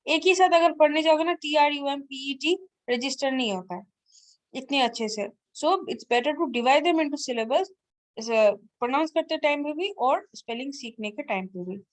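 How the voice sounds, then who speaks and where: A woman's voice: sits high, unhurried. A woman with an Indian accent teaching an online lesson, explaining patiently and spelling words out letter by letter. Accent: Indian English. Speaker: English teacher. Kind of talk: online lesson mixing Hindi and English.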